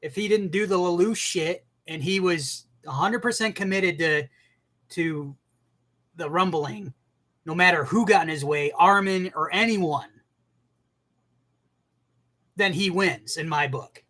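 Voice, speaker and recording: A man giving a casual, profane rant as an anime commentator, animated and bursting into shouts. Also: high voice, measured pace, long pauses.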